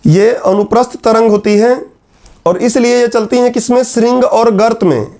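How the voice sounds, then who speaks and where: A man giving a classroom lecture at a whiteboard. He asks the class questions, answers them himself and slowly repeats key terms. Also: very high voice, dark tone. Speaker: teacher.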